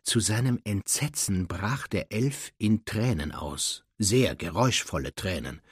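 Expressive, slightly husky male storyteller. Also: fairly low pitch, a little slow, no echo, studio quality. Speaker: audiobook narrator. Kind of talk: scripted narration.

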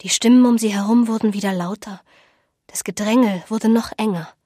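A woman narrating a novel in measured, scripted audiobook storytelling. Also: mid-range voice, mellow, husky, dry recording, clean studio sound.

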